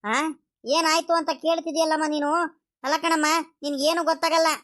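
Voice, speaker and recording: A woman's voice: high voice, little pitch movement, natural voice. A woman voicing a fretful, scolding village father in a comedy cartoon. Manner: scolding, rapid.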